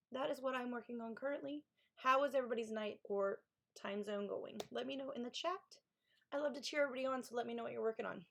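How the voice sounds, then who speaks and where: A woman from Kentucky with a Southern accent, chatting casually with viewers on a live stream about her books. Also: fairly high pitch. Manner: chatty, thanks viewers, reads chat aloud. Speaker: author streaming writing sprints.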